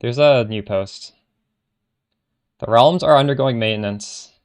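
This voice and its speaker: In an unhurried, clean-toned medium voice, a Canadian man with a Canadian accent chats casually with his live-stream viewers while gaming. He answers their questions as he plays and often lets his sentences trail off.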